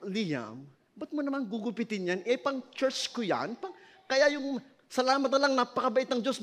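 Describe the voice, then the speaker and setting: High-voiced Filipino pastor preaching. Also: male voice. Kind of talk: sermon.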